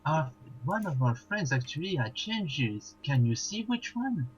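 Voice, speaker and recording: A man's voice: fairly high pitch, very animated, a little slow, a little hiss or hum. A man talking casually as a tabletop game player, on a dull lo-fi voice connection. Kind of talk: casual chat.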